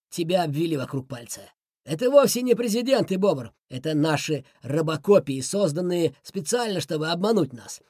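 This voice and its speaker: A hoarse, menacing beaver bandit growling his threats, put on by a woman reading a storybook. His voice is rough and pushed a little lower than her own. The recording is dry with no room sound. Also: a little mellow, no echo. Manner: barking, threatening.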